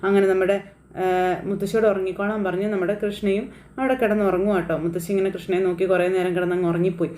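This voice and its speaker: A woman's voice: medium pitch, little pitch movement, racing, dark tone, slight background noise. A woman casually recapping a TV serial episode in a chatty, storytelling manner. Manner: chatty, tags lines with "you know". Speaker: narrator retelling a TV serial episode.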